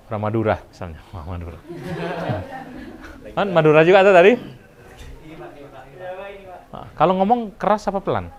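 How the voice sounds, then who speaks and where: A middle-aged man giving a chatty university lecture, slipping in English phrases and laughing at his own jokes. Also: fairly high pitch. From Indonesia. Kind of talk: classroom lecture.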